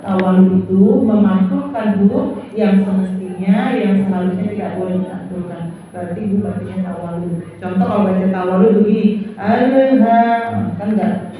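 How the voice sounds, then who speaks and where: A woman's voice: medium pitch, fairly even intonation, a little fast, mellow. A woman teaching Quran recitation to a group of women, patiently demonstrating each verse and explaining the rules. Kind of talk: tajwid lesson to women. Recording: echoey room, far from mic.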